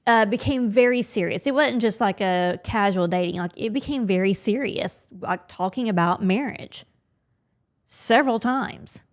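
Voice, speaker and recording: A woman in a relaxed podcast conversation with her co-host, speaking frankly and easily. She thinks out loud and voices her own inner thoughts as she goes, in a middle-pitched voice. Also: normal speed. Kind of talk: candid conversational podcast chat.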